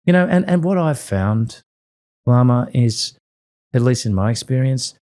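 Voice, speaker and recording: A man with an Australian accent, a radio host and guest, telling animated stories in casual interview chat. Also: mid-range voice, measured pace. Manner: animated storyteller.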